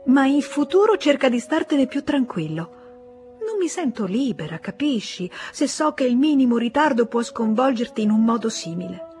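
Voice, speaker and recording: Woman playing an evasive young wife in a storybook, dismissive, pitched up high. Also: sing-song, normal speed, darkish tone, soft background music. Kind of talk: audiobook reading.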